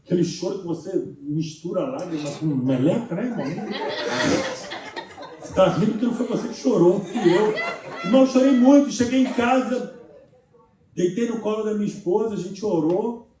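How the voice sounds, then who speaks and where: A man with a Brazilian accent preaching a sermon as pastor, telling his own story with lively humorous asides. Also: high-pitched, moderate pace, a crowd in the background. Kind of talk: sermon with personal testimony. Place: church sanctuary. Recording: very echoey church, voice from far off.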